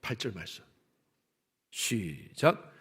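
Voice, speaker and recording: Animated Korean pastor preaching a sermon. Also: male voice, slow, breathy edge. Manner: animated preaching, acting out little household dialogues; swings between loud exclamations and soft low asides. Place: church sanctuary.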